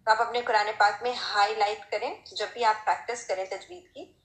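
A woman giving a recitation lesson, talking slowly and patiently and demonstrating sounds with a strong, breathy h. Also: mid-range voice, fairly bright tone, roomy sound, poor audio. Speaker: Quran recitation teacher. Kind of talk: Tajweed lesson.

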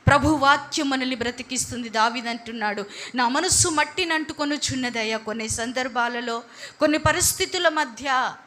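High bright-voiced woman preaching. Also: a little fast. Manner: repetitive, exhorting, asks and answers own questions. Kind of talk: sermon.

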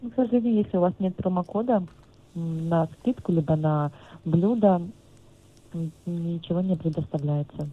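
A woman speaking over the phone as a restaurant order taker, polite and formal, with small hesitant pauses. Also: lowish voice. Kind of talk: customer service phone call, taking an order. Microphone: telephone. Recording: tinny, narrow phone line.

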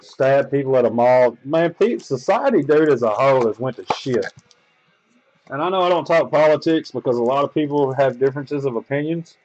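A man's voice: medium pitch, lively intonation, normal speed, darkish tone, lo-fi sound, a little hiss or hum. A man hosting a sports card break, reading out team assignments and chatting loosely with viewers, swearing freely. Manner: loose, profane, rambling talk to viewers.

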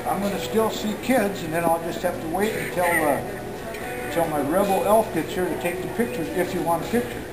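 A man working as a mall Santa, chatting gently with a small child, caught on a home camcorder in a shopping mall. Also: high voice, brisk, over loud music. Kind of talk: friendly small talk with a child. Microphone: handheld camcorder from a few metres away. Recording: echoey mall, distant from camera, noisy.

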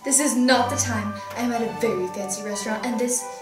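A woman's voice: a little high, fast talker, music in the background, lightly acted. A teenage girl playing a vain, haughty, self-obsessed would-be star in a hammy home comedy skit. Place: rooms of a house, indoors. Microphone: camera at a few feet. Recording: roomy home recording, distant camera mic.

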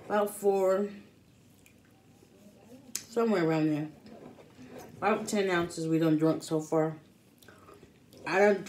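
Woman, 30s, unhurried casual mukbang vlogger, talking between bites, noticeable room noise. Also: mid-range voice, a little mellow. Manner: talks between bites, mouth often full. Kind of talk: casual chat to camera while eating. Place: small room at home, indoors. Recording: clear background room noise.

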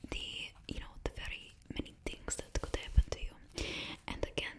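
The audio is poor, and the young woman's voice is a little high. She whispers an ASMR roleplay close to the mic as a cheerfully ruthless stylist to supervillains, in a put-on Russian accent that drops little words, from a small indoor studio with a backdrop and her face near the camera.

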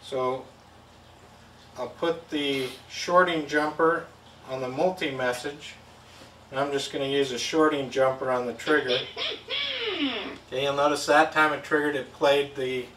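A bit slow and marked by long pauses, a middle-aged product demonstrator explains a casual step-by-step demo in plain language, his medium-pitched voice somewhat bright with fairly even intonation. The indoor tabletop setup has a backdrop; the distant mic picks up echo and background noise.

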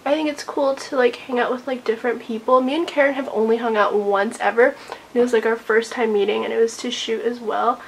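A woman's voice: fairly high pitch, fairly even intonation, a little fast, slight background noise, rough recording. A teenage girl chatting casually to a handheld camera, full of "like" fillers and a little self-conscious. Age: teens. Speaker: vlogger. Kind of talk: casual vlog chat. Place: bedroom, then car and outdoors. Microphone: handheld camera at arm's length.

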